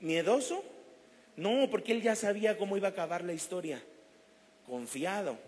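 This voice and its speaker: A man's voice: sits high, animated, normal speed. A man preaching a sermon, telling stories with animation and acting out the voices of the people in them. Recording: long reverb of a church hall.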